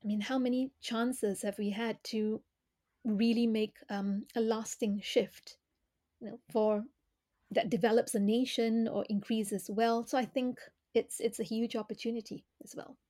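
Woman from malaysia, middle-aged, mellow kinda warm voice, talks slow and thoughtful with lots of um and you know. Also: on the high side, steady tone. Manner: thoughtful, measured, with frequent fillers. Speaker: podcast guest, former corporate director. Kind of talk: reflective interview answers.

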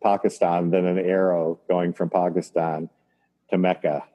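A man talking over a video call in a reflective conversation, thoughtful and halting as he recalls the past. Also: deep voice, flat delivery. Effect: voice heard over a video call. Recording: dull, lo-fi video call audio.

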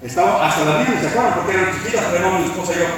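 A man preaching a sermon as pastor, impassioned, slowing down to stress his points. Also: high-pitched, crowd noise. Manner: impassioned preaching, slows for emphasis. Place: church sanctuary. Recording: echoey room, preacher far from mic.

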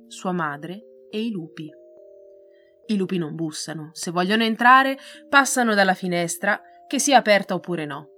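A woman reading a novel aloud, with expressive, measured storytelling. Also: fairly low pitch. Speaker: reader.

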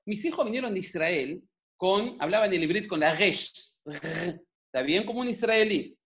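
Unhurried and high-voiced, an Argentine man tells a jokey story in Rioplatense Spanish. He's giving a humorous religious talk at home on camera, staying animated and making many asides to the audience.

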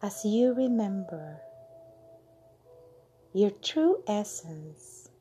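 Very slow, whispery woman meditation guide. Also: mid-range voice, expressive, dark tone, slight background noise. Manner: slow, soothing, drawn-out delivery with breathy whispered endings.

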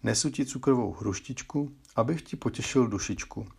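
A man voicing a gentle, loyal little male songbird in a fairy tale, speaking in soft singsong rhymes. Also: medium pitch, vocal fry, husky. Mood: tender singsong. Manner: soft singsong rhyming lines.

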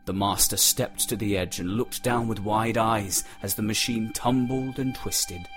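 A man reading a dramatic storybook prologue aloud in a slow, measured way. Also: lowish voice, over music. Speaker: audiobook reader. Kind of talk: storybook narration.

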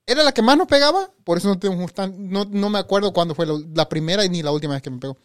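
A man's voice: sits high, animated, rapid-fire, dry recording, clean studio sound. A man from Mexico co-hosting a casual family podcast, guiding the talk and asking follow-up questions. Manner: guiding, explains and asks follow-ups. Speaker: podcast co-host.

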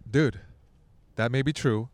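A man in his thirties, a podcast guest, talking bluntly with lots of swearing and loud laughs. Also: mid-range voice, a little slow, dry recording. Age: 30s. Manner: blunt, profane, laughs loudly. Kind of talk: crude casual chat.

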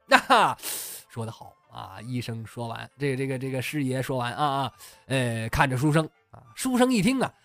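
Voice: medium pitch, lively intonation, fairly quick, gravelly, no room sound, faint music behind. A storyteller telling a comic tale casually, chuckling along and using many fillers. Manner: chatty, laughs at own story, many fillers. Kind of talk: comic oral storytelling podcast.

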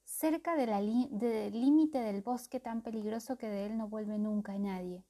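A woman's voice: on the high side, moderate pace, warm tone. A woman voicing a tiny, grumpy male goblin in a storybook, grumbling and touchy.

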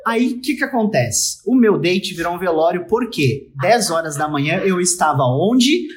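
A young man with a Brazilian Portuguese accent, co-hosting a podcast and telling a story in a lively, laughing way with quick asides. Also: high voice, crowd noise. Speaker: podcast co-host. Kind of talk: casual storytelling chat.

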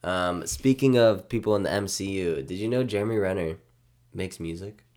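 A young man in relaxed casual chat, laughing easily and trailing off. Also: low-pitched, moderate pace.

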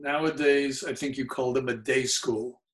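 A man in his seventies, whose first language was Yiddish and who has a New York accent, recalls his childhood in an oral history interview. He sounds mellow and halting, with frequent fillers, in a mid-range voice with fairly even intonation.

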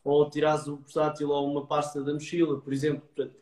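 A man's voice: on the high side, completely flat delivery, quick pace, darkish tone. A man with a European Portuguese accent giving casual advice in an explanatory way, often checking in with short tag questions. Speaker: adviser giving website feedback. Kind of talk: casual advisory chat. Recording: echoey room.

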